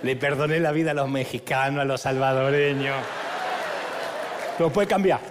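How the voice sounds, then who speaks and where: A man's voice: medium pitch, fairly even intonation, normal speed, a crowd in the background, background noise. A man preaching a sermon in a humorous, storytelling way, acting out the voices of the people in his stories.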